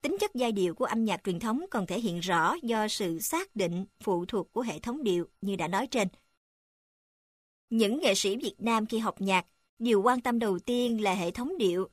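A woman reading a music textbook aloud in an even, formal manner, announcing each section number. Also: on the high side, no echo. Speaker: narrator reading a text on music.

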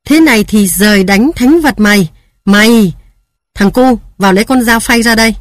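A woman reading aloud voices a frantic, pious old grandmother who cries out in high, wailing prayers. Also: fairly even intonation, normal speed, no echo, clean studio sound, lightly acted.

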